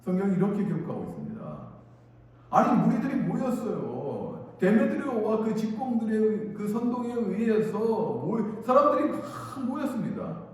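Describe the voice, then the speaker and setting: Animated pastor in an echoey hall. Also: male voice, high-pitched, moderate pace. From Korea. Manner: animated, acts out crowd chants. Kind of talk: sermon. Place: church sanctuary. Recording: echoey church hall from far off.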